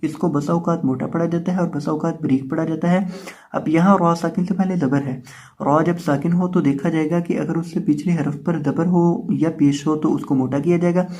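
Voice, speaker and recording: A male teacher with an Urdu accent, his voice sitting a little high for a man. He explains pronunciation rules in a patient, steady way. He repeats each syllable slowly and with more force when he recites it. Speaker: Quran reading teacher. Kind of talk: step-by-step recitation lesson.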